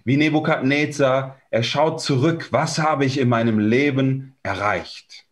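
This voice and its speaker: A German man preaching a sermon in short, conversational phrases, pausing for his interpreter. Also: medium pitch.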